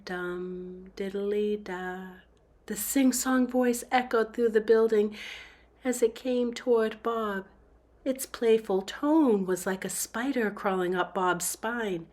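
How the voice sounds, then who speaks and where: A woman giving a dramatic, suspenseful reading of a horror novel in a hushed voice that sometimes drops to a whisper. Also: medium pitch. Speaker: book reader.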